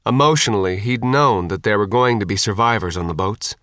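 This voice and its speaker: A man narrating an audiobook in an even, measured storytelling manner. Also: on the low side, no echo, clean studio sound.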